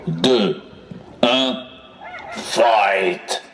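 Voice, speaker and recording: A man's voice: on the low side, extremely slow, fairly bright tone, echoey room, a little hiss or hum. A man announcing a contest in a dramatic game-show style.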